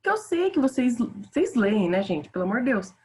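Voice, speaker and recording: A fairly high-voiced woman with a Brazilian accent teaches a grammar class in a casual, informal way. She talks straight to her students, chatty and relaxed, recorded on a computer mic at home. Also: normal speed. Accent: Brazilian Portuguese. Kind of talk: casual online grammar lesson.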